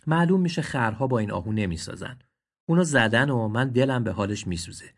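A man voicing a plain-spoken muleteer in a read-aloud story, talking in a matter-of-fact, conversational way with a husky tone. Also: medium pitch, lively intonation.

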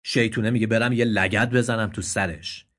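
Guy doing rowdy donkeys, loud and teasing, husky voice, storybook. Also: lowish voice. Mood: mocking. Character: rowdy mocking stable donkeys, male.

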